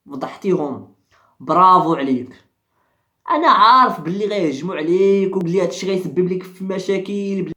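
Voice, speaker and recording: In a roomy-sounding space, a Moroccan-accented man with a fairly high, fairly bright voice delivers heated social commentary as a vlogger. He keeps repeating himself and hurling rhetorical questions at his audience.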